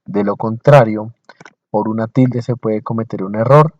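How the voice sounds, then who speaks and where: Man teaching a slow, repetitive lecture. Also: fairly low pitch, a little mellow, muffled recording. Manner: explains slowly in short phrases, checks in with listeners; repeats phrases to stress a point. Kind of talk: recorded lecture over slides.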